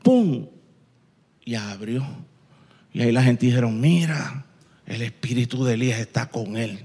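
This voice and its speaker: A man preaching a sermon, telling a story with lively sound effects and quoted voices. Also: mid-range voice, normal speed, breathy edge. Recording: long reverb in a large hall.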